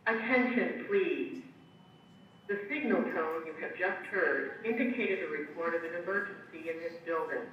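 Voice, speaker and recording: A man's recorded emergency announcement, played over a building's PA system in a formal, measured way. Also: on the high side, lively intonation, a little hiss or hum. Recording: distant echoey muffled PA speaker.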